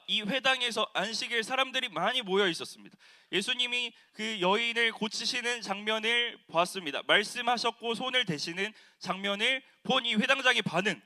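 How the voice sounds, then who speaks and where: Youth pastor guy preaching, high voice, swings up and down a lot, keeps asking the kids stuff. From South Korea. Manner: animated, acts out quotes, asks the audience. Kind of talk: sermon to middle schoolers.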